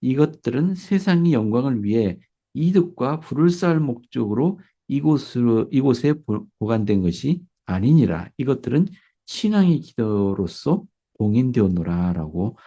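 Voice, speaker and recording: A man's voice: mid-range voice, sing-song, normal speed, dark tone. A man reading aloud the formal words of a solemn male angel messenger in a spoken lesson, with slightly slurred sibilants. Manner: archaic, formal pronouncements.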